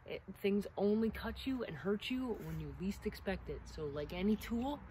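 A woman's voice: mid-range voice, expressive, moderate pace, mellow, a little hiss or hum. A middle-aged woman outdoors beside a sawmill, explaining maintenance steps in a practical, encouraging way, recorded on a camera mic. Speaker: sawmill owner demonstrating maintenance. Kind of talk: hands-on instructional video.

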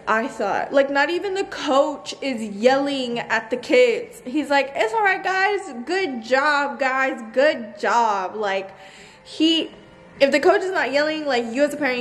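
A woman's voice: fairly high pitch, a little hiss or hum. A young woman chatting to camera as a vlogger, blunt and chatty, swearing freely as she rants. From Texas. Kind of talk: casual chat to camera.

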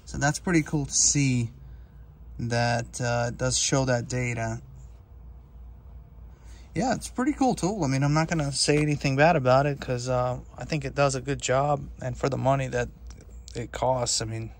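A man's voice: medium pitch, normal speed. Mechanic guy chatting casually while he pokes at a scan tablet in the car, laid-back, some ums. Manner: relaxed, matter-of-fact, with fillers. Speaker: auto mechanic reviewing a scan tool. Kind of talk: casual hands-on demo narration. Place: inside a car in a workshop.

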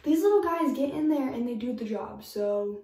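A chatty young woman talks through her DIY tips in an upbeat, emphatic way. Her voice sits a little high, and the bathroom adds a roomy echo. She sounds slightly off-mic. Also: expressive, moderate pace, mellow, recorded from a distance. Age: young adult. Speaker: DIY vlogger. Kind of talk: casual tips vlog. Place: home bathroom, indoors.

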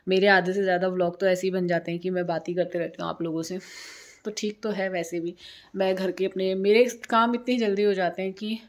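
A woman's voice: fairly low pitch, flat delivery, brisk. A woman in her thirties chatting casually to camera as a home vlogger, rambling and repeating herself. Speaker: vlogger and single mother. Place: indoors by a sunny window at home.

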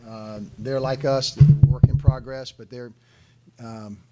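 A middle-aged man who coaches basketball sits at a press conference table, speaking into a stand-mounted desk mic. He answers emphatically, frequently restarting and repeating himself, in an unhurried, steady, dark-toned mid-range voice over soft background music.

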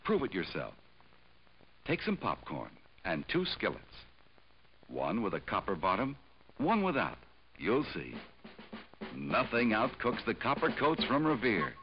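A man doing an upbeat pitchman voice-over in an old 1960s TV commercial. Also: huge pitch swings, measured pace, pauses often, slight background noise. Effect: old 1960s TV commercial sound. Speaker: commercial announcer. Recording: dull lo-fi old TV audio with loud music.

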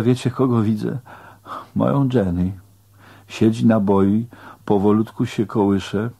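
Deep-voiced man narrating an audiobook. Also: mellow. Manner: plain-spoken, colloquial. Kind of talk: first-person audiobook narration.

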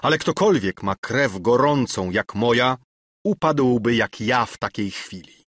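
A man reading an audiobook voices a passionate young male officer, loud, pleading and furious, in a slightly raised voice. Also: medium pitch, animated, measured pace, dry recording, studio quality. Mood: impassioned.

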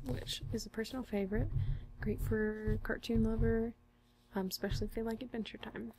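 A young woman in an ASMR role-play as a friendly, helpful librarian, speaking in a soft, intimate library soft voice. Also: a little high, noisy background. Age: young adult. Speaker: ASMR performer playing a librarian. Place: small curtained room indoors.

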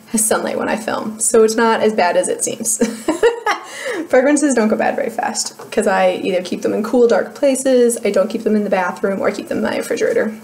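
Recorded at home on a webcam in a small room, a young beauty vlogger from the Midwest United States talks through a casual product update. Her mid-range voice is a little mellow, and she rambles and laughs at herself as she goes.

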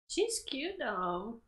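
A woman's voice: fairly high pitch, a bit bright. A young woman in a small bedroom giving casual reaction commentary to an anime episode, giggling and talking back at the screen.

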